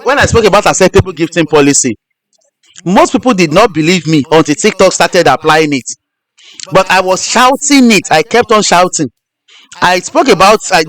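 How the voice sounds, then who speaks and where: Man, high voice, repetitive step-by-step host talk. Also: a bit bright. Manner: repetitive, restarts phrases. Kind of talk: live-stream teaching.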